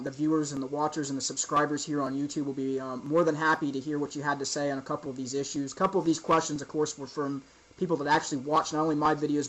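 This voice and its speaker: A man hosting an informal interview, asking casual questions in a halting, roundabout way. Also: a little high, poor audio.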